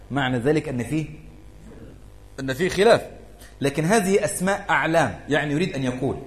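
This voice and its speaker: Male religious teacher, slightly high voice, repeatedly checks understanding, roomy echo. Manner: keeps asking if students follow, rises emphatically. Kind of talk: classroom religious lesson. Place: lecture room with students. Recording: echoey room.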